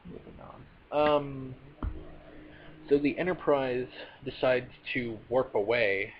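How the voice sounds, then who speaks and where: A man's voice: medium pitch, slow pace. A man casually recapping a film plot as a reviewer, rambling with many fillers and self-corrections. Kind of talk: casual spoken movie recap. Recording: dull lo-fi recording with faint noise.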